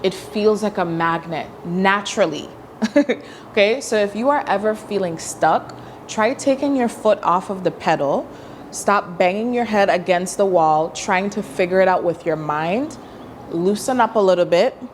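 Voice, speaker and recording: A young woman coaching in a breezy, casual way, now and then acting out quoted voices in a higher pitch. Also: normal speed, a little hiss or hum. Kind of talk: casual teaching monologue.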